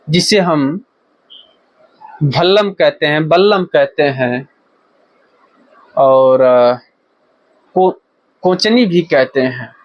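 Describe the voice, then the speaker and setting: A man teaching a Hindi dictionary lesson, reading words one at a time with long pauses. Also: on the high side, dry recording, rough recording. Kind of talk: slow dictionary word-list lesson.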